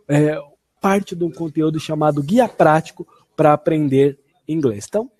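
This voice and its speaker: A Portuguese-speaking man teaching an online lesson, upbeat, repeating English phrases slowly and expressively. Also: fairly high pitch, mellow, slightly rough, no echo.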